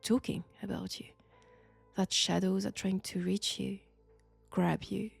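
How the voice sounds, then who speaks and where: A heavily acted, gravelly, breathy mid-range voice with a flat delivery: a French-accented woman playing an enigmatic occult professor who serves as a vessel for an ancient entity. Slow, deliberate, hushed and ominous, she whispers some phrases to the listener in this audio roleplay over faint music.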